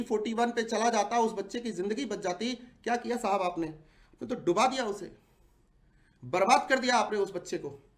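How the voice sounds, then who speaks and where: His voice is very high and a little bright. The speaker is a 40-year-old test-prep instructor giving an impassioned address on video, indignant throughout and leaning heavily on rhetorical questions.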